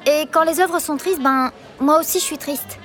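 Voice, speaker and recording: A very high, piping little girl, curious and bursting with imagination. Her voice is breathless and giggly, with soft music running beneath her storybook adventure. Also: normal speed. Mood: gentle. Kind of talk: children's audio drama acting.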